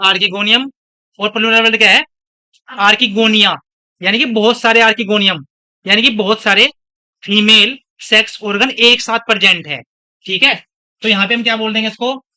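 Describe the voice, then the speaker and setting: A young man from India lectures his class in a high voice with a very bright edge. His tone is clear and smooth as he chats, scolds and tells stories about himself between points. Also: fairly even intonation, moderate pace, long pauses. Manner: scolding, chatty, switches between lecture and anecdotes. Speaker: teacher.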